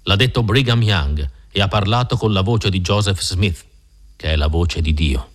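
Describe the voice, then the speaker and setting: A man's voice: deep voice, normal speed. A man voicing a firm, instructive older religious elder in an audiobook reading.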